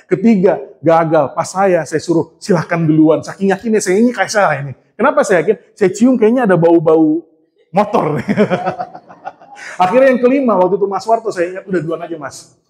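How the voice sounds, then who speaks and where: A man's voice: sits high, a little mellow. A man preaching a sermon in a casual storytelling way, often turning to address his congregation and poking fun at himself. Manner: humorous and self-mocking.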